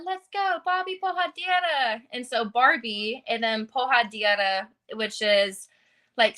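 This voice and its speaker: A woman's voice: medium pitch, pushed and bright. A young adult woman fighter answering interview questions in an earnest, casual way, with frequent fillers.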